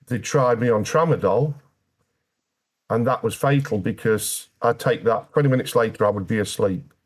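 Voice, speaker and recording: A man's voice: on the low side, normal speed. A British man speaking as an interview guest, telling his personal story candidly in a plain-spoken way with dry, wry humour.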